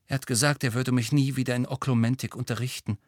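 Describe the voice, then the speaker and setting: A man's voice: mid-range voice, fairly even intonation, fast talker, no echo, clean studio sound, close to an everyday voice. A man voicing a guarded, uneasy teenage wizard boy who talks hesitantly and defensively.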